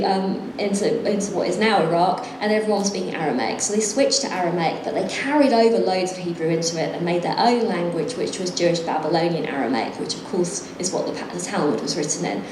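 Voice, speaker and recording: This middle-aged author, a guest at an event venue, reads aloud from her book before moving into conversation. Her mid-range voice sounds roomy against a noisy background, and she's self-deprecating, laughing often.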